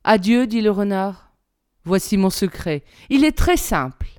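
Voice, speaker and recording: A woman reading aloud, voicing a wise and tender fox who speaks calmly. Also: mid-range voice, measured pace, clear, resonant tone, no room sound, clean studio sound, natural voice.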